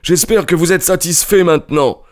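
A man's voice: fairly high pitch, normal speed, a little mellow, pitched above the performer's own voice, close to an everyday voice. A man putting on an irritable old country squire. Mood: grudging. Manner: impatient, huffy.

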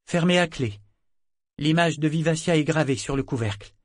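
A man voicing an earnest young boy who speaks gravely and carefully, in a dry studio reading. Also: a little high, normal speed, dry recording, pitched above the performer's own voice, natural voice. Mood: careful, explaining.

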